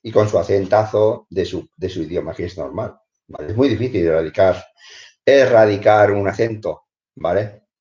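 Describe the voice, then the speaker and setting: A man's voice: fairly low pitch, normal speed, dark tone. A man with a Spanish accent teaching English in a live stream, reviewing a book, switching between English and Spanish and often checking in with "¿vale?". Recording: roomy, dull lo-fi stream audio.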